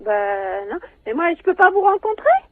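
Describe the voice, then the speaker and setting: A woman's voice: very high-pitched, huge pitch swings, brisk, dry recording. A woman who manages an animal shelter, talking bluntly on a landline phone call. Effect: heard over a landline phone. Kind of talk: phone conversation, prank call target. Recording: tinny, dry phone line.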